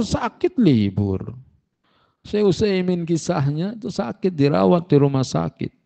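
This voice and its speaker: Male Islamic teacher, mellow dark tone, emphatic storyteller. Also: vocal fry. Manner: storytelling, animated pitch jumps for emphasis. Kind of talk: sermon. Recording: muffled lo-fi recording.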